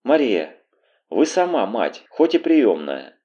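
A man reading aloud voicing a desperate middle-aged mother who pleads and then bursts into furious shouting. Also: mid-range voice, very animated, takes it slowly, highs cut off. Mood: pleading.

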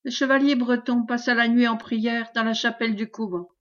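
Woman audiobook reader, slightly high voice, steady, dull lo-fi audio. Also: brisk. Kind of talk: scripted narration.

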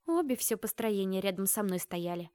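A woman's voice: mid-range voice, expressive, normal speed, dark tone, no room sound, studio quality. A woman narrating a first-person fantasy audiobook in a wry, conversational way.

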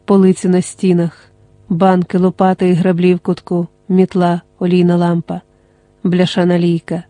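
An audiobook narrator reading a dramatic novel in a measured, dramatic way. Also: mid-range voice, monotone, mellow, dry recording.

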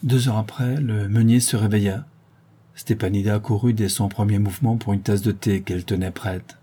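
A man reading a classic novella aloud as narrator in a measured, literary way. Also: fairly low pitch, steady tone, mellow, slightly rough.

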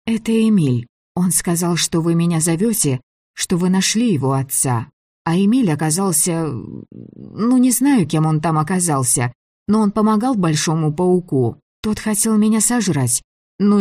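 Feisty young female magic student, indignant and quick to flare, a man reading her in a pitched-up voice for an audiobook, dry and close. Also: lively intonation, a little mellow, no echo. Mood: flustered.

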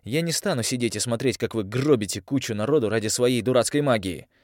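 A man's voice: mid-range voice, animated, fast talker, darkish tone, dry recording, studio quality, voice pushed up, close to an everyday voice. A male audiobook reader voicing a stubborn, defiant young woman who talks in a pressing, sarcastic way.

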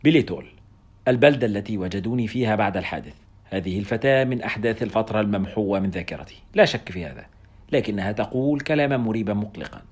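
A man narrating a first-person story in an audiobook style, reading in a brisk, expressive way. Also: fairly low pitch, husky.

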